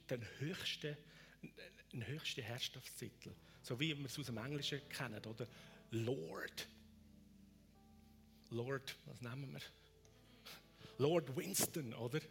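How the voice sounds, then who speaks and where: A man preaching a sermon, moving between fervent raised appeals and hushed whispered prayers. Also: medium pitch. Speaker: pastor.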